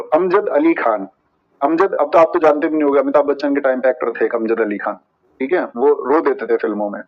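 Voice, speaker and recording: A man's voice: on the high side, lo-fi sound. A man teaching an online exam-prep class, chatty, with memory tricks and asides to staff.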